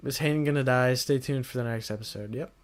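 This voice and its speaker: A man's voice: mid-range voice, quick pace. A man hosting a live stream, chatting casually and straight to his viewers, rambling and often correcting himself mid-sentence. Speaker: livestream host.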